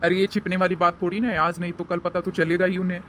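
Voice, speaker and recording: A woman's voice: lowish voice, little pitch movement, fast, fairly bright tone, slight background noise, lightly acted. A woman voicing a caring, protective middle-aged mother in a cartoon story, who questions her daughter in a worried, indignant way.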